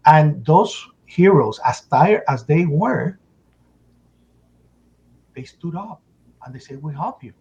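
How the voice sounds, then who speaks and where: A man giving emotional first-person testimony in an interview, telling his story urgently and acting out shouts and the words people said. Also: on the high side, dull audio. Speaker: interview guest.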